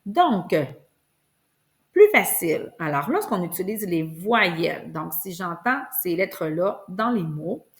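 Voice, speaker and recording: A woman's voice: fairly low pitch, expressive, measured pace, few pauses. A woman preschool teacher, patiently explaining to parents and stretching out sounds in words to demonstrate them. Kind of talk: instructional video for parents.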